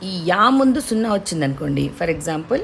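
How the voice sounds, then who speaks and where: Gravelly, lowish woman, pronunciation teacher, faint noise behind. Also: big pitch swings. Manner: slow demonstrative enunciation of syllables. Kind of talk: pronunciation lesson.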